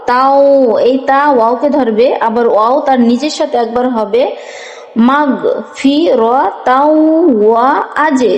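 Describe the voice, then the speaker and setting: Woman, high voice, slow syllable-by-syllable recitation teacher, echoey room with long reverb. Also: muffled recording. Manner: spells syllables slowly, then explains rules briskly. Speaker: Quran reading teacher. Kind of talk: slow spelled-out recitation lesson.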